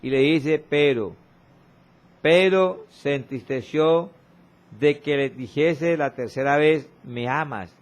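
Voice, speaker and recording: A man preaching a sermon, reading scripture slowly and repeating exhorting refrains, with his voice often dropping low and soft for emphasis. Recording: radio broadcast of a church sermon.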